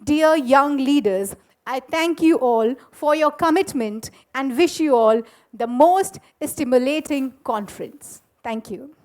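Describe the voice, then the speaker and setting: Woman, formal ceremonial speech, high voice, measured and earnest. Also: darkish tone. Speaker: speaker addressing conference delegates. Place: school auditorium.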